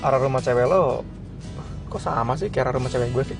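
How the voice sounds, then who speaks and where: Brief: actor as a laid-back young guy, mid-pitched, casual slang, music behind. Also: fast talker, vocal fry, close to an everyday voice. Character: young man, easygoing boyfriend and loyal buddy. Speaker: boyfriend and friend. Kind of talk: Indonesian TV film acting. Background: background music.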